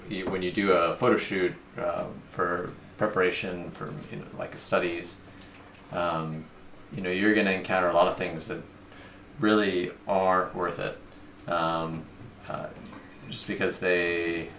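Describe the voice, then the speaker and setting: Reflective male painter, very low voice, roomy echo. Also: little pitch movement, a little slow, fairly bright tone. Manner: reflective, searching for words. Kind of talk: casual livestream chat. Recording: roomy, noisy, echoey room.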